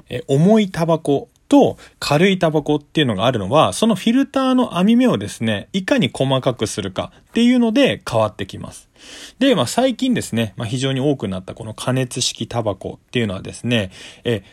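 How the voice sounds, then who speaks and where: Man, casual explainer monologue, polite step-by-step manner, very animated intonation, medium pitch, dry close sound. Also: brisk, no room sound. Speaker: solo talk show host.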